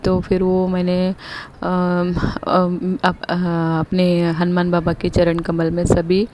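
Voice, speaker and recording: A woman's voice: on the low side, completely flat delivery, takes it slowly, a little mellow, a little hiss or hum. A middle-aged woman telling a personal devotional story in a casual, hesitant way, with many fillers and restarts. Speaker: devotee sharing a testimony. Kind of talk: casual spoken testimony.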